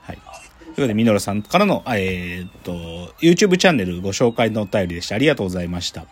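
A male radio host chats casually and rambles from one point to the next. His voice swings lively in pitch, and his speech is full of loose, colloquial filler words. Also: fast, breathy edge.

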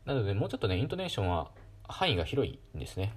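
A man hosting a solo educational talk show, explaining calmly with many fillers. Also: on the low side, rapid-fire, breathy edge. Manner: calm, explanatory, with frequent fillers. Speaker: podcast host.

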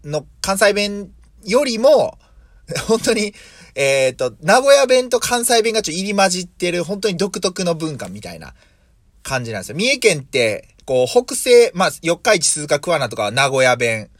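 A man's voice: high voice, big pitch swings, moderate pace, dry recording, clean studio sound. A man in his thirties from Mie, Japan, hosting a casual solo podcast as a vegetable farmer, thinking aloud with many fillers and self-corrections. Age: 30s.

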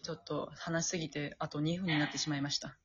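A woman's voice: sits low, little pitch movement, fast talker, breathy edge, muffled recording. Chatty laughing young woman radio host. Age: 20s. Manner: chatty, laughing storyteller, acts out relatives' voices. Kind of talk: casual radio chat.

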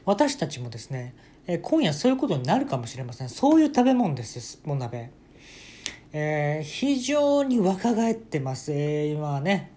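A man hosting a casual solo podcast, telling a family story with playful jokes and quick self-corrections. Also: a little high, a little mellow, slight background noise. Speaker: podcast host.

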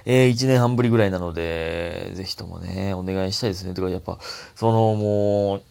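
A young man with a Kansai accent, a comedian chatting solo on his own show, his throat a little hoarse and his voice jumping up high when he gets excited. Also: brisk. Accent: Kansai Japanese. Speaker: comedian podcast host. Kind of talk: casual solo talk.

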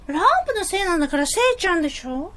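Brazen, flighty office lady played by a woman: extremely high voice, blunt teasing, theatrical stage-comedy delivery. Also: lively intonation, very fast. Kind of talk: comic stage play acting.

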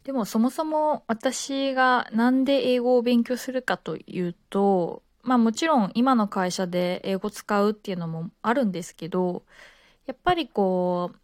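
A Japanese woman speaking alone in a relaxed, casual way, with frequent fillers. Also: a little high, moderate pace, dry recording, studio quality. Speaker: podcaster. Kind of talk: casual solo talk.

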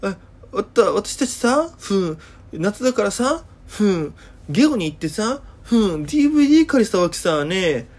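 A man imitating a loud, chatty teenage delinquent girl with an Okinawan accent who keeps dropping a drawn-out filler sound between her phrases. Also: high-pitched, big pitch swings, voice pushed up. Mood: gossipy.

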